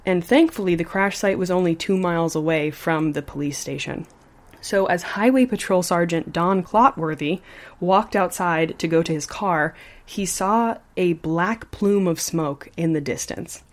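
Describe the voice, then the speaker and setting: A woman's voice: on the low side, unhurried. A woman hosting a podcast, telling a true story in a casual, chatty way and sometimes adding "like.". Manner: animated, chatty, says like often.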